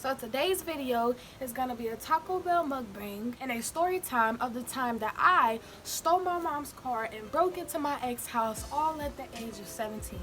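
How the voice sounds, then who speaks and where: Young female vlogger, higher-pitched, informal emphatic storyteller, music underneath. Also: normal speed, few pauses. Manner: animated, informal slangy delivery with emphatic repetition. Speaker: vlogger hosting a mukbang storytime. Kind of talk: casual chatty storytelling. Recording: music in the background. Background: background music.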